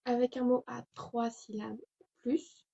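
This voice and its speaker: A woman's voice: a little high, level tone, a little slow, creaky, dark tone, breathy edge. A young woman hosting a casual online language lesson, chatty and hesitant with many fillers, recorded at home. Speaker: language tutorial host. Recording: dull lo-fi sound.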